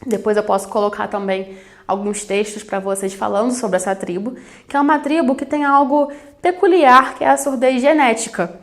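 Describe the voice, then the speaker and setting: A woman's voice: fairly high pitch, steady tone, moderate pace. A woman from Brazil teaching a recorded video lesson on sign language, explaining directly to the camera and addressing her students. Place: studio with plain backdrop. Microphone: camera-facing studio recording.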